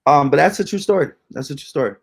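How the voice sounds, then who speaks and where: A man's voice: on the high side, lively intonation, fast talker, gravelly, husky. A young man co-hosting a podcast, telling ghost stories in casual, slangy, rambling chat with lots of fillers. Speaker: podcast co-host.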